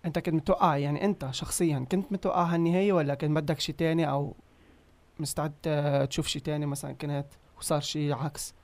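A man's voice: on the high side, steady tone, very fast, a little mellow, no echo. A man with a Lebanese Arabic accent asking casual questions as an interviewer.

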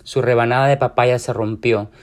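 A man's voice: medium pitch, fairly even intonation, moderate pace. A man with a Mexican accent reading a short story aloud in a casual, slangy first-person voice. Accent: Mexican Spanish. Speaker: reader.

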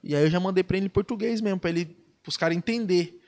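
Brazilian man, podcast guest, high voice, rapid-fire slangy storytelling. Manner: animated, slangy, acts out quoted dialogue. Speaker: guest, pro surfer.

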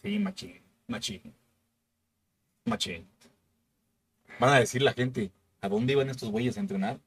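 A man's voice: medium pitch, big pitch swings, a little slow, breathy edge. A man with a Mexican accent co-hosting a comedy podcast, teasing his partner with mock insults. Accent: Mexican Spanish. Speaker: podcast co-host. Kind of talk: casual comedy chat.

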